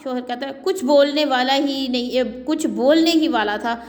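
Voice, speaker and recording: A woman's voice: sits high, a little mellow. A woman teacher reading a play aloud for a class, explaining each scene and acting out the characters' lines. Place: classroom or school room. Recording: echoey room with long reverb.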